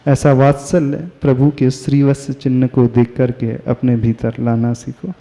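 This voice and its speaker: A man, a Jain monk, delivering a devotional sermon, asking his listeners questions and chanting verses slowly. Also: medium pitch, little pitch movement, warm tone. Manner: slow, asks the audience questions. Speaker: Jain monk giving a discourse. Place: hall with listeners. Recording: reverberant hall, dull lo-fi sound.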